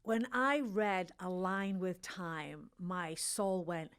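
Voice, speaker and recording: A woman's voice: on the low side, takes it slowly, clear, resonant tone. A woman in her fifties hosting a podcast interview, frank and playful, laughing off and swearing at her own slips. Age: 50s. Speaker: podcast host.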